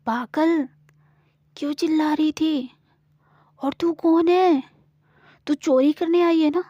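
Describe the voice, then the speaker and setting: A woman's voice: sits high, steady tone, takes it slowly, no echo, dull audio, voice pushed up. Woman doing a bossy young landowner girl. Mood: scolding. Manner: scolding, commanding, sometimes hushed. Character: bossy, brash young woman who owns the fields.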